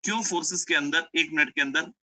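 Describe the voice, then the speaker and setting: A young man runs an online sales webinar, coaxing listeners to stay and often calling them his friends. His voice is sharp, bright and tense. The sound is dry and close, as on a video-call mic. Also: a little high, fairly quick, no room sound, poor audio. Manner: persuasive, repeats "my friend", mixes English phrases. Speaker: webinar presenter.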